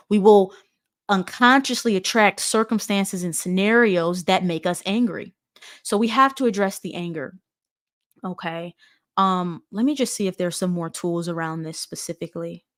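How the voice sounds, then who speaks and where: A woman hosting her own show, giving an earnest, rambling spiritual self-help talk that corrects itself as it goes, with sudden animated bursts. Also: lowish voice, moderate pace. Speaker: host.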